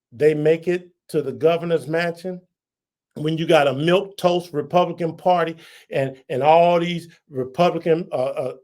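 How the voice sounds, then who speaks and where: A man hosting a podcast, delivering a heated political rant full of repeated insults, dropping to low mutters and rising to shouts. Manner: heated, insulting, repetitive tirade. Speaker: podcast host.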